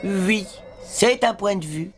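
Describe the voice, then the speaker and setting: A man's voice: high voice, slow pace. A man voicing a fussy, good-natured alien sidekick in a cartoon, with a hesitant manner. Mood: surprised, fussy. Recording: music behind the voice.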